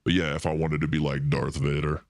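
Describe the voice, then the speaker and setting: A booming, gravelly monster voice sits at an extremely low pitch. It comes across dry and close, with loose chatty phrasing. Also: male voice, level tone, brisk, no room sound. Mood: casual. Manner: casual, rambling. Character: deep gravelly monster voice-changer preset. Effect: voice changer, monster preset.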